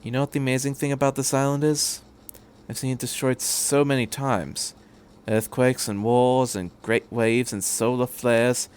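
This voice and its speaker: A man reading fan fiction aloud as an energetic, eccentric, reassuring time traveller who makes earnest, emphatic speeches. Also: medium pitch, clear, resonant tone, close to an everyday voice. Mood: quiet, admiring. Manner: emphatic, rapid repeated words, earnest speechifying.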